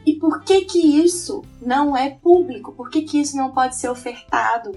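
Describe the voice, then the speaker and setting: A woman's voice: sits high, normal speed, a little mellow, distant mic, faint music behind. A woman educator with a Brazilian Portuguese accent, explaining her teaching methods in an earnest presentation, often tagging phrases with a questioning "né".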